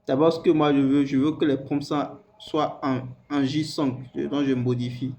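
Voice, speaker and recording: A man hosting a screen-recorded software tutorial, talking hesitantly and repeating words as he types. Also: mid-range voice, little pitch movement, measured pace. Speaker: tutorial host.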